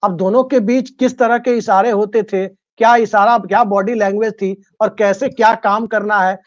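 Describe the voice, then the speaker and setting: A man's voice: high-pitched, steady tone, moderate pace, lo-fi sound. A man speaking as a political commentator on a panel, arguing his case with folk idioms and rhetorical questions.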